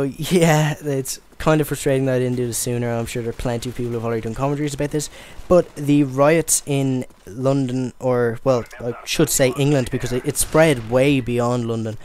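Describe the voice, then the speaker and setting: A man's voice: medium pitch, darkish tone, a little hiss or hum. A young man from Ireland giving casual commentary over gameplay, rambling and stammering with lots of fillers. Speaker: gaming commentator.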